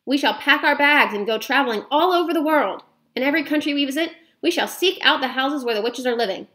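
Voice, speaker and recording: Woman doing a feisty elderly grandmother, emphatic, bright tone. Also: high-pitched, lively intonation, fast talker, pitched above the performer's own voice. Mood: determined. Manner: forceful, emphatic. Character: bold, feisty old grandmother witch hunter.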